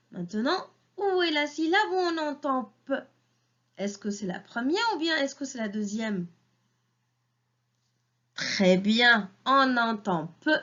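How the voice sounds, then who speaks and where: A woman teacher giving a slow phonics lesson to young children, sounding out syllables and praising them. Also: on the high side, fairly bright tone. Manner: slow, clearly syllabled, encouraging teacher talk. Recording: dull lo-fi recording.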